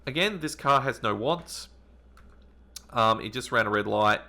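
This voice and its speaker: A man's voice: medium pitch, lively intonation, a little slow, gravelly, bright, forceful tone. A man hosting a retro gaming channel, reading game text aloud and thinking aloud with hesitant ums as he plays. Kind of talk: let's-play commentary reading game text.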